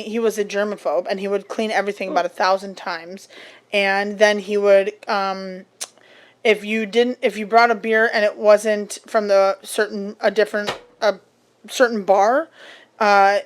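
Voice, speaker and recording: A woman hosting a podcast, telling stories in casual chat, swearing and laughing along the way. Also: mid-range voice. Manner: chatty storytelling with swearing and laughs. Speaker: podcast host.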